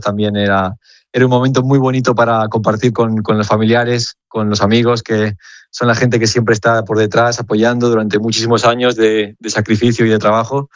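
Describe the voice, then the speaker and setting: A young man from Spain, a footballer, answering questions earnestly over the phone, halting and repeating words as he searches. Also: mid-range voice, no echo, highs cut off. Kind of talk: phone interview.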